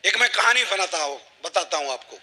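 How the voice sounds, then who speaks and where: A man's voice: high voice, animated, brisk, pushed and bright, in a large hall. A man giving a motivational talk to a live audience, telling a story and asking the audience rhetorical questions. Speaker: motivational speaker.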